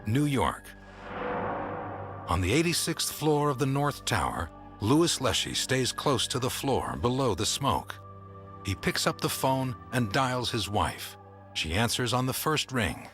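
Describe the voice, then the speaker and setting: A man reads documentary narration with a grave, measured delivery. His mid-pitched voice moves a good deal from phrase to phrase. Music plays clearly underneath him. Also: very animated, fairly bright tone.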